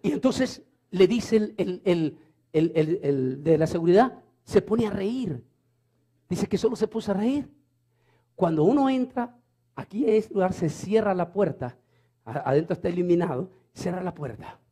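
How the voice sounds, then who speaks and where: A man's voice: sits high, lively intonation, normal speed, mellow, husky. A man preaching a storytelling sermon, fervent and repeating phrases for emphasis.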